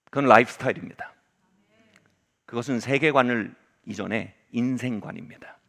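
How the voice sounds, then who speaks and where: A middle-aged male pastor delivering a Sunday sermon, telling a personal story and swinging between loud exclamations and hushed asides. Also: medium pitch, moderate pace, creaky.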